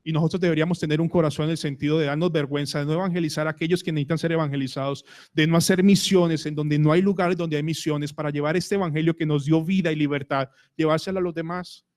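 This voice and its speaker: A man's voice: fairly high pitch, steady tone, fast, few pauses, a little mellow. A man with a Colombian Spanish accent preaching a sermon in church, asking the congregation questions and retelling conversations. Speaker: pastor.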